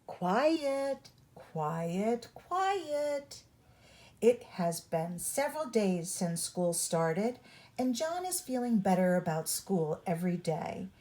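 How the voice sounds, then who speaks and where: A woman with a mid-range, dark-toned voice reads a children's picture book in a very animated way, keeping the phrasing deliberate and instructive for young read-along listeners.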